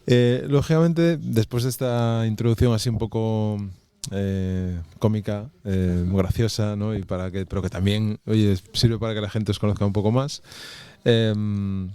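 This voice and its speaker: A man's voice: fairly low pitch, fairly even intonation, normal speed, dark tone, smooth. A man around fifty, hosting a casual interview chat in a rambling, friendly way with many fillers. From Asturias, Spain. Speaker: podcast host.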